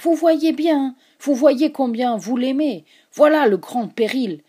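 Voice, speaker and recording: A woman's voice: high voice, drawn-out words, slightly rough, in a whisper, voice pushed up, heavily acted. A woman reading aloud, voicing a despairing German officer who breaks into anguished cries. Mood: impassioned. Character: anguished German officer, man, middle-aged.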